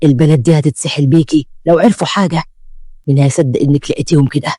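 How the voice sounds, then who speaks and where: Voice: medium pitch, steady tone, fast, warm tone, slightly rough, dry recording, studio quality, close to an everyday voice. A storyteller with an Egyptian accent voicing a stern older man who scolds a young woman. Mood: scolding. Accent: Egyptian Arabic.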